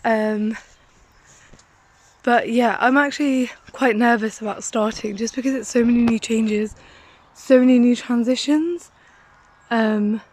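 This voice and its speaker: A woman's voice: a little high, no echo, rough recording. A woman in her twenties chatting casually for a vlog while walking up a steep hill outdoors, rambling with lots of "like", recorded on a handheld phone. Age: 20s. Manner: chatty and rambling, heavy use of "like". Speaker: vlogger.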